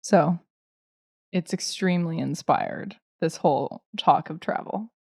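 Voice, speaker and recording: A woman's voice: deep voice, a little slow, vocal fry, breathy edge, dry recording, clean studio sound. A young adult woman co-hosting a podcast, telling stories in casual chat and laughing often. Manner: laughs often, animated storytelling. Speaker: podcast co-host. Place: Brooklyn, New York.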